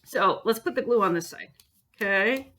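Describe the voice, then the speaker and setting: A woman's voice: medium pitch, normal speed, sharp tone. A woman teaching a bookbinding class, chatty and encouraging, talking students through each step and humming as she works. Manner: chatty and encouraging, hums and sings while working. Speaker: art teacher. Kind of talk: bookbinding demonstration.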